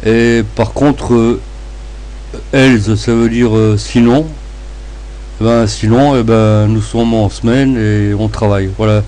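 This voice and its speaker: A man presents a computer tutorial at a very slow, halting pace. His voice is fairly low and very mellow, and his s sounds come out slushy with a lisp. He guides the listener step by step in short phrases. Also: steady tone. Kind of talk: step-by-step screencast narration.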